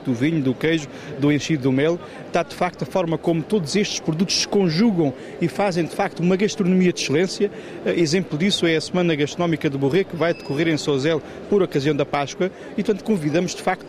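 A man in his fifties, a town mayor, interviewed at a busy trade fair stand, talking with many hesitations and fillers. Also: a little high. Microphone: handheld reporter mic. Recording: crowd chatter behind voice.

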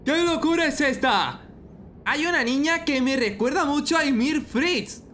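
A young man with an accent from Spain, giving excited, exclamatory reaction commentary as an anime fan. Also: very high voice, measured pace, a little hiss or hum. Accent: Spanish from Spain. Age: young adult. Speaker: reaction video host.

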